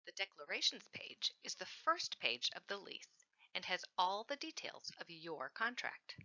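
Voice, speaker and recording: A woman narrating a scripted training lesson on renting, clear and instructive, stressing key words. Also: medium pitch, sing-song, unhurried, pushed and bright, highs cut off. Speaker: housing program trainer.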